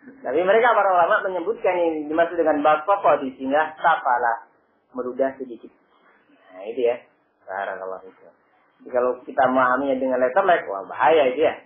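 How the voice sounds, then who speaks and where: A male preacher giving an Islamic study lecture, telling stories lively and adding frequent blessings between lines. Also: medium pitch, fast talker. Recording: lo-fi phone-like audio with faint noise.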